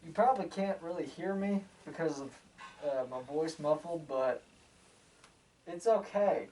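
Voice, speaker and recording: A man's voice: on the high side, unhurried. A man talking in a plain, offhand way while showing his costume, his voice muffled inside a closed helmet. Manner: plain, offhand talk with fillers. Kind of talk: casual show-and-tell. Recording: distant mic with faint noise.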